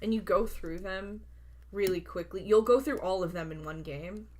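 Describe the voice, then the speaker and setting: A woman's voice: mid-range voice, moderate pace, a little mellow. A woman co-hosting a podcast in casual chat, blunt and joking, swearing freely. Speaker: podcast co-host.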